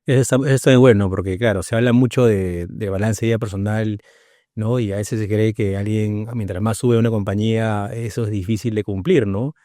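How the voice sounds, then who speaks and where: A podcast host interviews his guest with long, winding questions, frequently tagging them with "¿no?". His voice is fairly low, steady and warm, a little fast, and the studio recording is clean with no room sound.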